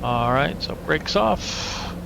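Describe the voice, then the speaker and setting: A man's voice: on the high side, slow, vocal fry. A man giving casual running commentary as he plays a flight simulator, muttering checklist items to himself in clipped phrases. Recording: steady aircraft hum behind voice.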